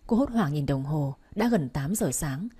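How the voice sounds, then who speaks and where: A woman narrating a bedtime story in a calm, even storytelling manner. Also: low voice, moderate pace, slightly rough.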